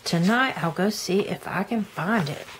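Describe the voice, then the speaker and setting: A woman's voice: mid-range voice, unhurried, a little hiss or hum, close to an everyday voice. An older woman voicing a small, innocent, wistful toy bear in a grandmotherly storybook manner. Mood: wistful wonder.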